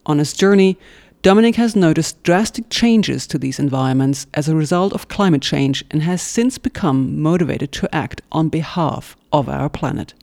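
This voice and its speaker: A woman's voice: sits low, animated, normal speed, creaky, a little mellow. A woman co-hosting a podcast, reading a scripted introduction and asking the guest questions. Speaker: podcast co-host.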